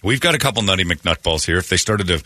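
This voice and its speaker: A man's voice: low-pitched, expressive, quick pace, noisy background. A man hosting a radio talk show, giving blunt, opinionated rants in casual studio chat.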